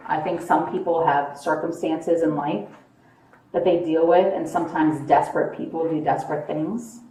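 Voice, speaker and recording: A woman police officer questioning a suspect in a measured, persistent, probing way. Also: deep voice, fairly even intonation, dark tone. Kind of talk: interrogation, calm questioning. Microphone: police bodycam. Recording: echoey, distant body camera audio with noise.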